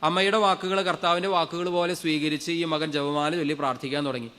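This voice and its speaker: Fast-preaching priest in a reverberant hall. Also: male voice, a little high, level tone, clean tone. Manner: fervent, leads congregation in loud hallelujahs. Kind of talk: sermon storytelling.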